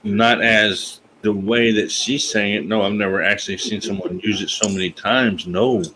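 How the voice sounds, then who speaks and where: Low-voiced man chatting casually. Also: steady tone, moderate pace, background noise. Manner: chatty, joking, trips over tongue twisters. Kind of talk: casual group voice chat.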